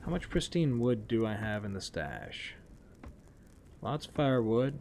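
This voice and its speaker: Animated man with a wry streaming voice. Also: on the low side, unhurried, background noise. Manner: wry, talks to himself, sarcastic asides. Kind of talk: casual gameplay commentary.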